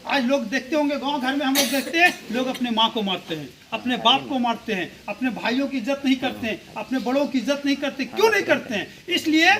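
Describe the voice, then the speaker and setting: Man with a really high, sharp voice giving a speech to a village crowd, keeps firing rhetorical questions at them. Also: fast talker, hardly any pauses, poor audio. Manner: exhorting, with rhetorical questions and repeated lists. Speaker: speaker at a community blanket distribution event. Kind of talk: public speech to a village gathering.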